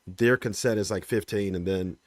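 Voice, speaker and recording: A man giving his opinion on a livestream panel, measured, checking in with "right?" as he goes. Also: lowish voice, no room sound. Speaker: panel guest.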